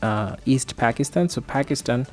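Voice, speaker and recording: A man from Bangladesh, a radio guest explaining at a measured pace with many fillers. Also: mid-range voice, expressive, soft background music. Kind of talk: casual explanation.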